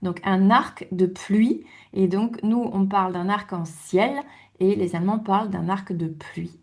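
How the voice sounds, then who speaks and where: Slow-paced woman teaching German. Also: medium pitch. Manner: slow, careful pronunciation drills. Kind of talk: language lesson.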